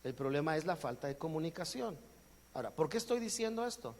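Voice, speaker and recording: A man's voice: on the high side, big pitch swings, fast, a little mellow. A man with a Mexican accent preaching a sermon as pastor, joking and acting out everyday exchanges. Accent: Mexican Spanish. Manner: jokey, acts out everyday exchanges. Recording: long hall reverb.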